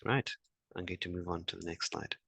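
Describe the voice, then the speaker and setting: A man presenting a software demo to fellow engineers, talking hesitantly with many fillers and restarts. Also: deep voice, steady tone, a little fast, creaky, slightly rough, no room sound. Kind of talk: technical demo talk.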